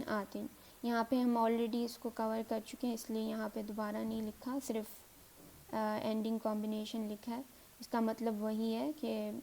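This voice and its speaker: A woman teaching a grammar lesson as a recap, saying example words slowly three times over. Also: a little high, mellow.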